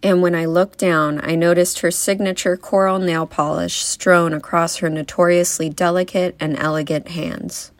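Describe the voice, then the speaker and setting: A young woman giving a eulogy for her grandmother, telling stories with wry, gentle humor. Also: lowish voice, fairly even intonation, moderate pace, hardly any pauses, no echo. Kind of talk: eulogy speech.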